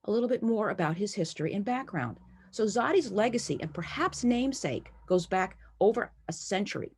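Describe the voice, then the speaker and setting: A woman's voice: medium pitch, expressive, fairly quick, slight background noise. A woman from the United States giving a friendly, enthusiastic presentation over slides from home. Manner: friendly, enthusiastic, lightly playful. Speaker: collector presenting a talk.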